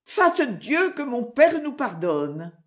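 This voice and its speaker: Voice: high-pitched, very animated, slow, pitched above the performer's own voice, full character voice. A reader doing an anxious young noblewoman. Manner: pleading, anxious. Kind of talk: audiobook character reading.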